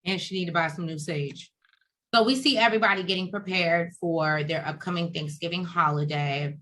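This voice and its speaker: A woman's voice: lowish voice, normal speed, a bit bright. A woman co-hosting a casual recap chat, adding wry quips. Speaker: podcast co-host.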